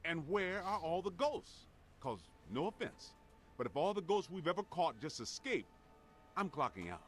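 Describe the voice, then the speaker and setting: A man voicing a practical ghost hunter in a video game, shouting combat callouts and making dry remarks. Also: a little high, sing-song, normal speed. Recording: game audio with loud music score.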